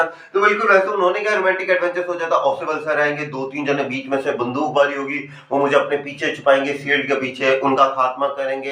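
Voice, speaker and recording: A young man from Rajasthan teaching a class 10 English story, reading each line slowly and then explaining it in chatty Hindi. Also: on the high side, bright, forceful tone, echoey room. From Rajasthan, India. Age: young adult.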